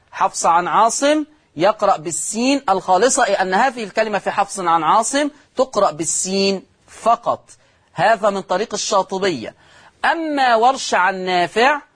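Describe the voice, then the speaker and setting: A middle-aged man with an Egyptian Arabic accent, teaching Quran recitation in a televised religious lesson and drawing out words slowly to demonstrate how they are pronounced. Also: high voice, fairly bright tone.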